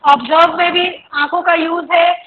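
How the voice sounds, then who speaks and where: A woman's voice: extremely high pitch, flat delivery, normal speed, narrow, tinny audio. An Indian woman teacher giving a lecture on English pronunciation, drilling example words and checking that students follow.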